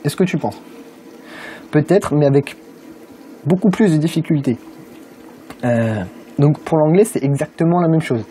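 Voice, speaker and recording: A man's voice: a little high, unhurried, long pauses, mellow, a little hiss or hum. A young man from France giving a casual motivational talk to camera about learning English, informal and full of hesitations. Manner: informal, many "euh" fillers, speaks directly to viewer.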